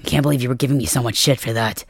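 A performer voicing a brash, cocky adult man who is caring underneath, in a soft-spoken whispered role-play with mild cursing. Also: medium pitch, fairly even intonation, rapid-fire, gravelly, no room sound, studio quality. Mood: defensive.

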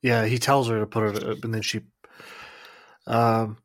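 A man co-hosting a casual podcast, recapping plot events in plain, steady summary. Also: lowish voice, measured pace, no echo, studio quality. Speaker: podcast co-host. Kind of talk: casual chat.

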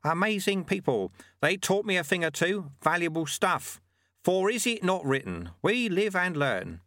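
In a storybook, a man voices a small elderly monk master who is wry, folksy, unflappable and cheekily instructive, sounding chatty and content. He pitches his voice above his natural one, making it high, very animated, unhurried and a bit bright in a heavily acted performance. The recording is dry with clean studio sound.

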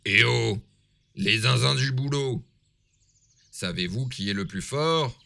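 A man's voice: mid-range voice, slow pace, creaky, exaggerated voice. Man putting on a bragging big bad wolf. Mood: boastful. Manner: loud, swaggering, self-satisfied.

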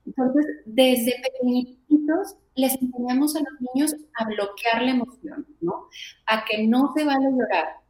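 A fairly high-voiced woman speaks with expressive energy. She acts out everyday examples in lively voices, and her voice rings in a noticeably echoey room. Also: a little slow. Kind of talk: conversational interview.

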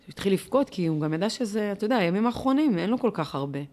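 A woman's voice: mid-range voice, animated, a little mellow. A middle-aged woman being interviewed, telling a personal story in a heartfelt way, with many rhetorical questions and fillers. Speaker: interviewee, volunteer leader.

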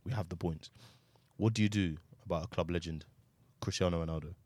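A man's voice: sits low, steady tone, a little fast, darkish tone, no room sound. A man with an urban London accent and matey, slangy delivery, hosting casual football podcast banter. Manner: slangy, matey street talk. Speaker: podcast host.

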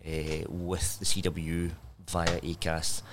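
A man's voice: low voice, level tone, slow, noisy background. A man with a Scottish accent, a striking union member speaking plainly with hesitant fillers. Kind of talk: casual interview talk.

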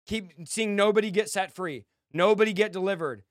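An American preacher with a high, clear male voice gives a fiery exhortation at a moderate pace. He pushes it along with short, emphatic commands, often repeating phrases for force. The recording is dry, with almost no room sound around his voice.

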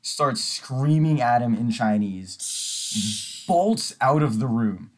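A man's voice: mid-range voice, animated, slow pace. A young man co-hosting a podcast, telling a story casually and acting it out with swearing and laughter. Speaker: podcast co-host. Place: audio-only podcast recording.

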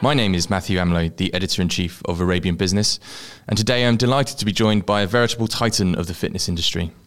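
Low-voiced male podcast host. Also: fairly even intonation, quick pace, faint music behind. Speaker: podcast host, magazine editor-in-chief. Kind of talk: scripted podcast introduction and interviewing.

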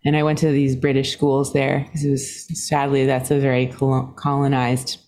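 This is a guest musician on a podcast, a woman born in Singapore, telling stories at a normal speed. Laughter comes frequently, and her animated voice keeps jumping up in pitch.

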